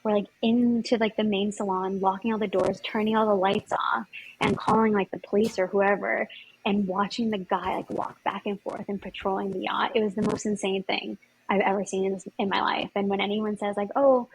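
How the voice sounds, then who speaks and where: A woman's voice: medium pitch, flat delivery, fairly quick, creaky, slight background noise, low-quality recording. A woman from Ontario, Canada, a podcast guest telling a story in a rambling, casual way, full of "like". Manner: rambling, fills speech with "like". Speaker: podcast guest, former yacht chief stew.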